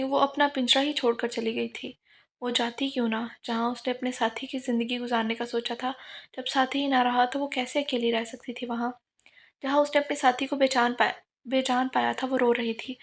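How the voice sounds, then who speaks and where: A woman narrating a romance novel in a steady, unhurried reading voice. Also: a little high. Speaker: novel reader.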